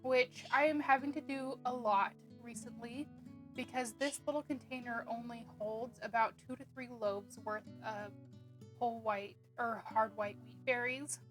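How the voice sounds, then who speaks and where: A woman narrating a casual homemaking vlog, chatty and rambling with frequent ums and little laughs. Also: on the high side. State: hiccuping. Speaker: homemaking vlogger.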